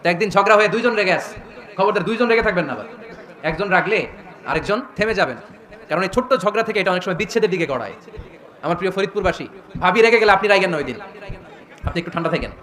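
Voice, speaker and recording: A middle-aged man preaching a lively waz sermon, acting out voices and quizzing the crowd. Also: quick pace, pauses often, echoey room. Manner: animated storytelling, asks the crowd questions; acts out quoted voices in a louder, higher pitch.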